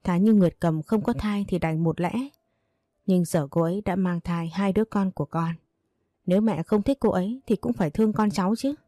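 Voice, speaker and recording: A woman's voice: fairly low pitch, dark tone, dry recording, clean studio sound. A woman voicing a young man who firmly and earnestly stands up to his mother. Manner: firm, pleading and earnest.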